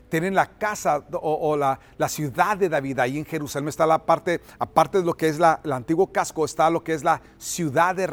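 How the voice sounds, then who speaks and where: A man preaching a sermon as pastor, emphatic, often asking the congregation to repeat his words and building to loud, forceful peaks. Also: on the high side. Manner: rises to loud, forceful delivery at climaxes.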